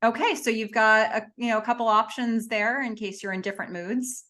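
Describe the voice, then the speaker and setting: A woman's voice: on the high side, fairly even intonation, a little fast, sharp tone. A woman hosting an interview as a motivational speaker, enthusiastic and upbeat. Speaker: host, motivational keynote speaker.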